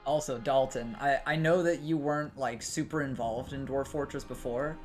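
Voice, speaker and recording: A man's voice: medium pitch, normal speed, soft background music. A young American man streaming a game, rambling casually and answering his chat with many restarts. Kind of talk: casual live-stream chat while gaming.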